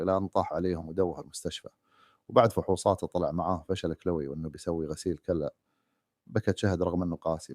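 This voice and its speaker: A man narrating a sad story in a rapid, even reading. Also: deep voice, no room sound, clean studio sound.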